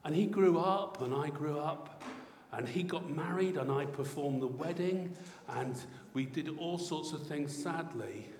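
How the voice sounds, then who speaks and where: A middle-aged man from England preaching a sermon, swinging between loud excitement and soft, reflective passages. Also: on the high side, unhurried, slight background noise. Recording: roomy hall echo heard from a distance.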